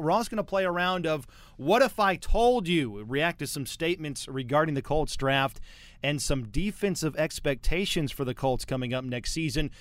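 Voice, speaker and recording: A man's voice: a little high, a bit bright, no room sound. A man hosting a casual sports podcast, chatty and teasing, often restarting his sentences. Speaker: podcast host.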